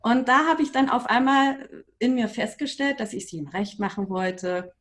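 A coach and trainer in her forties appears as a podcast guest, recounting her personal story with animated emphasis. Her voice runs on the high side at a moderate pace.

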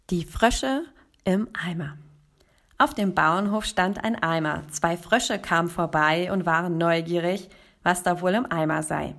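A woman's voice: on the low side, fairly bright tone. A woman hosting a motivational podcast as a life coach, speaking emphatically and addressing the listener directly. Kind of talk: motivational podcast monologue with storytelling.

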